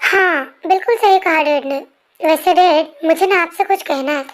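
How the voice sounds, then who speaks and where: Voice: very high voice, normal speed. A performer voicing a headstrong twenty-year-old girl who pleads and refuses to back down, in an amateur fan dub voice-over. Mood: stubborn. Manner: pleading, stubborn.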